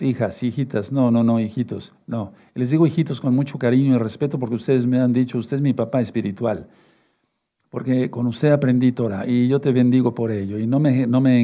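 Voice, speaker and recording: A male preacher giving a fatherly sermon, reading scripture verses slowly and often checking in with his listeners. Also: mid-range voice, dark tone. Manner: fatherly, repeats "no, no, no" and asks "¿sí?"; reads verses slowly and rereads them.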